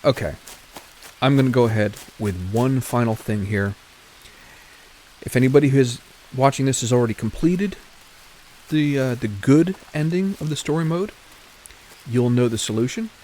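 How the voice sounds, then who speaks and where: A man's voice: mid-range voice, normal speed, long pauses, a little mellow, slight background noise. A man casually commenting on his survival game play for viewers, chatty and often correcting himself. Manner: chatty, self-correcting, talks to viewers while playing. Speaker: gaming channel host.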